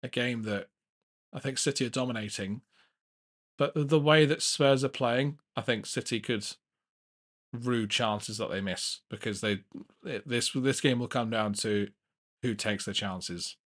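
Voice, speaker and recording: A young man hosting a live football watchalong, giving casual play-by-play with frequent restarts and getting excited at big chances. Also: medium pitch, a little slow. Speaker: watchalong host.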